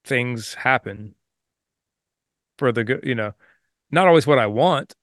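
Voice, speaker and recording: A man co-hosting a podcast, talking casually and reflectively in an earnest, halting way. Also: medium pitch, animated, dry recording, clean studio sound. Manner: earnest, halting with repeated words. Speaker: podcast co-host.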